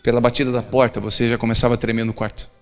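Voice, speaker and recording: A man's voice: mid-range voice, rapid-fire. A male pastor preaching a story-filled sermon, rising to emphatic peaks. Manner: animated, rises to emphatic peaks. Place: church. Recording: echoey church hall, soft music.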